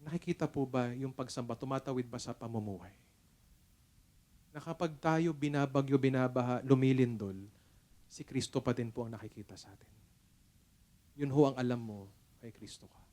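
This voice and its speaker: Preaching a sermon at church, a middle-aged Filipino-accented pastor speaks at a moderate pace with long pauses, his voice medium-pitched and mellow. He tells stories earnestly and conversationally, mixing Tagalog into his English.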